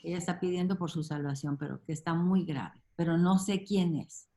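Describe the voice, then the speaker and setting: A woman leading a casual group Bible study over a video call, speaking slowly and warmly with frequent fillers. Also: lowish voice, fairly even intonation. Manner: warm, unhurried, many fillers like "este" and "ujú".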